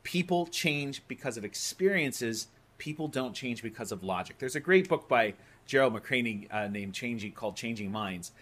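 A man's voice: medium pitch, expressive, normal speed, few pauses, fairly bright tone. A man teaching a hypnosis course in a conversational, emphatic way, sometimes repeating words as he explains. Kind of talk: course lecture.

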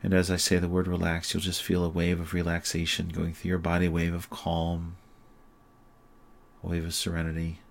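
A man with a very low, level voice leads a sleep hypnosis session. He talks in a slow, soothing and repetitive way. His pitch barely moves as he guides the listener deeper into calm. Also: creaky.

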